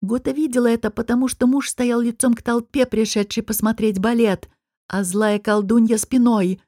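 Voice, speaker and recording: Woman narrator, slightly high voice, slow measured reading, dry close sound. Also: steady tone, mellow, no echo. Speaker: audiobook narrator. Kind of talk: scripted narration.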